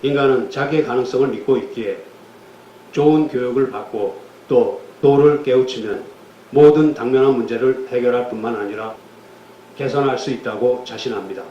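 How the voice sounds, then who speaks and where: A man preaching a sermon as pastor, measured and solemn, then leading a prayer. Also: mid-range voice, warm tone, roomy sound, highs cut off, a little hiss or hum. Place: church sanctuary.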